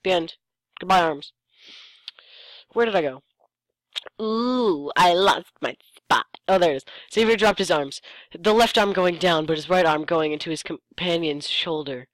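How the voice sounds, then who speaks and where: Dry close voice, reading bad fanfic out loud and roasting it, sarcastic asides, trips over words. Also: medium pitch, normal speed, dry recording, poor audio. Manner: sarcastic, mocks the text and stumbles over lines. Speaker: host reading fan fiction aloud. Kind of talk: comedic dramatic reading with commentary.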